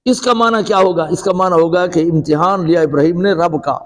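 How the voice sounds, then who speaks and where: A man preaching a sermon, often asking his listeners questions and rising into emphatic outbursts. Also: high-pitched. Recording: long hall reverb.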